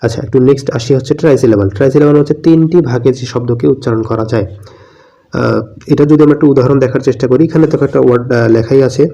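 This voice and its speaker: A man's voice: mid-range voice, rapid-fire, warm tone. Man, English grammar teacher, asks and answers his own questions, dull lo-fi recording. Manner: mixes English terms into his talk. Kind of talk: classroom grammar lesson.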